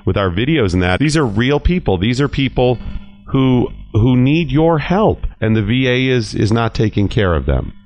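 A man's voice: medium pitch, big pitch swings, normal speed, a little mellow, muffled recording, soft background music. A male radio host interviewing a caller with sympathetic, prompting questions.

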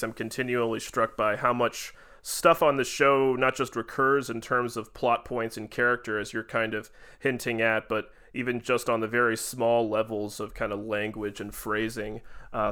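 Man, mid-pitched, podcast host, fluent and welcoming, steers the chat. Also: sharp tone. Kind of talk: casual chat.

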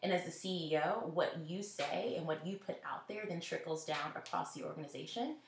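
A school network executive from Nashville, Tennessee, gives earnest, reflective interview answers, frequently quoting others. Her fairly low voice is creaky and fairly quick. The recording carries a little hiss or hum and a roomy echo.

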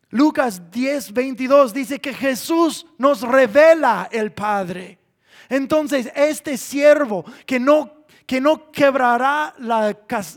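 A man preaching a sermon in an earnest way, often dropping to a soft voice for emphasis. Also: very high voice.

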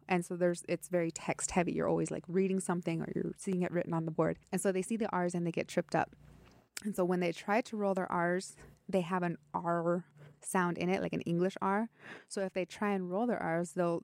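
A woman's voice: lowish voice, vocal fry, darkish tone, no echo. A woman co-hosting a casual podcast, patiently explaining and teaching in a conversational tone. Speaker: co-host.

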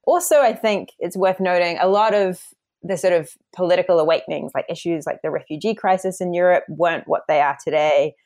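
A woman's voice: lowish voice, brisk, darkish tone. A woman from New Zealand with a broad New Zealand accent, giving reflective, explanatory answers as an interview guest in a conversational style. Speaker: interview guest, academic author.

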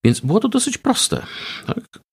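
A man being interviewed about research he ran, explaining in a measured way with frequent hesitation fillers. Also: sits high, very animated, creaky, husky. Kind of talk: conversational interview.

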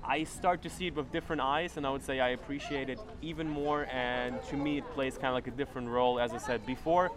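A young man talks casually as an interview guest, relaxed and full of fillers. He is recorded outdoors in a city, and his voice sits at an ordinary middle pitch. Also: quick pace, hardly any pauses. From Germany. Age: 20s. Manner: relaxed and chatty, with many fillers.

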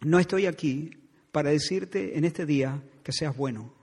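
Casting: middle-aged male pastor, high husky voice, fervent sermon delivery, long church reverb. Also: unhurried, darkish tone. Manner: impassioned preaching, rising to pleading.

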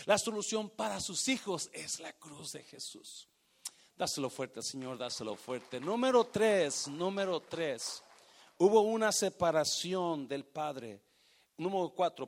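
A man preaching a sermon, swinging from hushed, drawn-out phrases to loud, emphatic bursts. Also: on the high side. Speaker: pastor.

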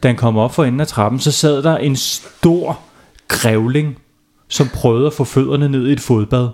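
A man's voice: mid-range voice, a little mellow. A man, a father, telling a silly bedtime story to children, playful and often asking them questions.

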